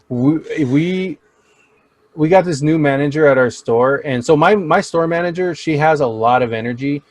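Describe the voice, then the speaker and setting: A man's voice: a little high, measured pace, dry recording. A young man co-hosting a podcast in casual chat, blunt and swearing freely as he laughs through stories. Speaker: podcast co-host.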